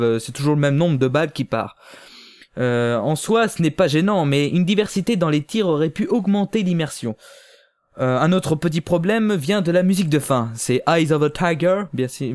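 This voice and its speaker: A man's voice: a little high, expressive, normal speed, a little mellow. A young man reviewing an audio drama in casual chat, hesitant with many fillers and easy laughs. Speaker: podcast reviewer.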